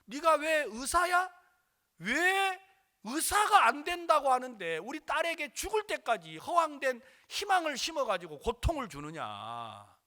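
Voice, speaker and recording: A male preacher acting out a furious older father who shouts accusations at a pastor. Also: very high-pitched, very animated, normal speed, pitched above the performer's own voice, heavily acted.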